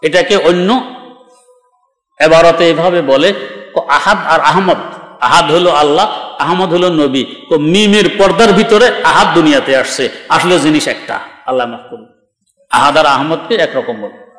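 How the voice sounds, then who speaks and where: Argumentative preacher, echoey hall. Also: male voice, a little high, unhurried, a bit bright. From Bangladesh. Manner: emphatic, argumentative, mocking. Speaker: Islamic preacher. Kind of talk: sermon.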